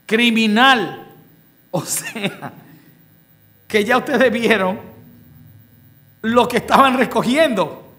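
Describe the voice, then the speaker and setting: Preaching to his congregation, a man with a high, bright, forceful voice reads passages of scripture and then explains them word by word in expository fashion. He regularly throws out rhetorical questions to his listeners.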